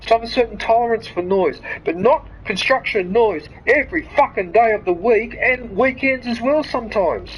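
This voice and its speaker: A Sydney, Australia streamer rambles and rants through a live game stream, swearing freely and then apologizing. The voice is mid-range and husky, at a moderate pace with hardly any pauses. It comes through a headset mic as rough livestream audio.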